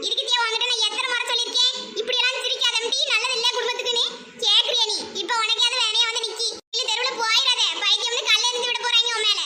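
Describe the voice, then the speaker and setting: A woman's voice: very high voice, little pitch movement, quick pace. A woman with a Tirunelveli Tamil accent, voicing cartoon comedy in a teasing, bickering way. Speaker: voice actor. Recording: loud background noise.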